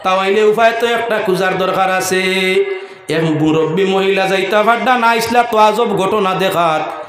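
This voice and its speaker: Man, Sylheti accent, Islamic preacher, storytelling sermon, very high pitch, animated with shouts, echoey sound. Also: normal speed. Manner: animated, with sudden raised shouts.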